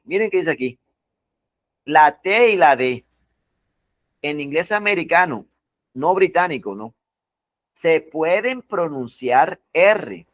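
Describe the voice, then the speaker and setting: Male teacher, methodical and drawn-out, checks the class often. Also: high voice, fairly bright tone, dry recording. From Colombia. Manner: slow, repetitive, stresses words one by one; keeps asking the class to confirm. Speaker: English teacher. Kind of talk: classroom lesson. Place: classroom with students.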